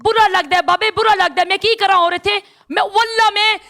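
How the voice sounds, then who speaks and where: A woman's voice: very high-pitched, fairly even intonation, a little fast, sharp tone. A woman on a live phone stream, ranting indignantly and switching between languages. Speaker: TikTok live streamer in a match. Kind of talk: heated live-stream chat.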